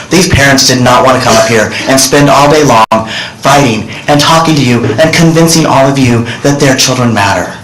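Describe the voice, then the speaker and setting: In a large hearing room, a middle-aged witness gives earnest, direct testimony to senators through a desk microphone. His medium-pitched voice is a bit bright, and the roomy recording has a slight hiss or hum.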